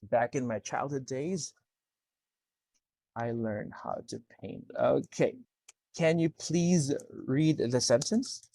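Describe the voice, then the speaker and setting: A man's voice: medium pitch, takes it slowly, gravelly, warm tone, no room sound. A man tutoring English one-to-one, explaining corrections step by step and checking understanding with "okay?". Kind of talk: one-to-one speaking lesson.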